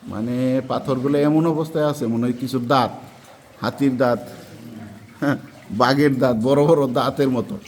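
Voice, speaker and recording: A man's voice: mid-range voice, steady tone, moderate pace, pauses often. A man chatting casually while sightseeing, in short exclamatory remarks, recorded inside a cave. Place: small boat inside a low cave. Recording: noisy on-location cave recording.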